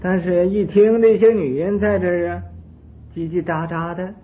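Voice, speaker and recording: A man preaching a sermon by telling a story, with an animated delivery that swings between loud and soft. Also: high voice, moderate pace. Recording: narrow phone-like band.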